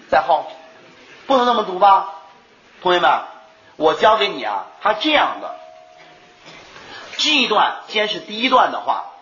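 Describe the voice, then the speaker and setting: A man lectures a classroom in a high, swooping voice that keeps rising and falling. He throws questions at his students and answers them himself. The sound is muffled and lo-fi, with room echo around him. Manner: animated, asks rhetorical questions and answers them. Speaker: English exam teacher. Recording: echoey lo-fi room recording.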